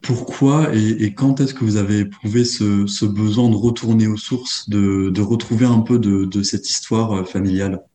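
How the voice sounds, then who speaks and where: A man presenting a cultural feature and interviewing a filmmaker, measured and formal. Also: fairly low pitch, fairly even intonation, dark tone. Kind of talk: radio feature narration and interview.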